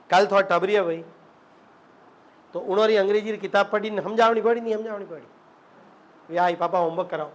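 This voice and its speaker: Guy teaching a class, pretty high voice, keeps asking the kids questions. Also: a bit bright. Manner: asks the class questions and repeats them; slips into local Rajasthani dialect. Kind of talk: classroom lesson explaining English spelling.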